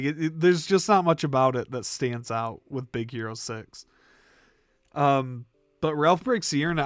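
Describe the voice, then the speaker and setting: A man's voice: medium pitch, dry recording. A young man livestreaming, ranking movies in casual chat, rambling with fillers and coughing now and then. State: coughing, throat irritated. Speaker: live stream host.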